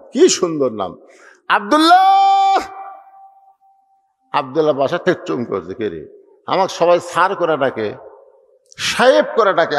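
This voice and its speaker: A man, preaching a storytelling sermon with dramatic swings between loud and hushed. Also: high voice. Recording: long hall reverb.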